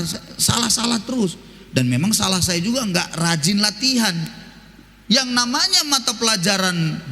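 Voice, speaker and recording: A man preaching a sermon as pastor, telling stories in a lively, colloquial way with rhetorical questions. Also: high voice, big-room sound.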